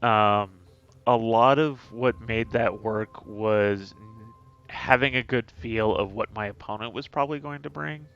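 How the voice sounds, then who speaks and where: Low-voiced man streaming, thinking aloud. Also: fairly even intonation, a bit bright, dull audio, faint music behind. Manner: thinks aloud with many fillers and pauses. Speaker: game streamer. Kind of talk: casual strategy talk while streaming.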